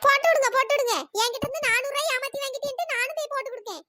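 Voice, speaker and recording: A woman's voice: very high voice, racing, pushed and bright, no room sound, studio quality. A woman voicing a cheeky, lovesick little schoolgirl in a cartoon who whines and accuses. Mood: indignant. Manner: whiny, accusing, demanding her money back.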